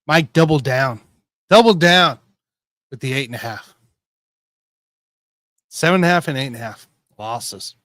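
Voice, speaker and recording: A man hosting a casual sports betting show, rambling and correcting himself as he tells excitable stories. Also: medium pitch, a little slow, pauses often, no echo, studio quality. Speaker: podcast host.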